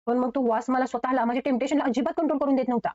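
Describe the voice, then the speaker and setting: A playful young husband jokes and teases in a light, quick voice, read by a woman. His voice stays fairly high and the pace is rapid. The recording sounds a little dull and lo-fi. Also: fairly even intonation, a little mellow, lightly acted. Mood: teasing.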